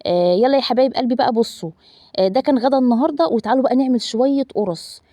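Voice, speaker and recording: A woman's voice: on the high side, rapid-fire, warm tone, no room sound, clean studio sound. A woman in her thirties with an Egyptian Arabic accent, chatting casually to viewers while narrating her cooking, with lots of fillers. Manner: chatty, addresses viewers as loved ones, frequent fillers. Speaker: family vlogger.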